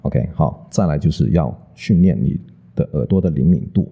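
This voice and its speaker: Low, dark-voiced man teaching English sounds. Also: expressive, normal speed, gravelly, highs cut off. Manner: chatty, peppers speech with "OK" and "好不好". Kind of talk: casual spoken lesson.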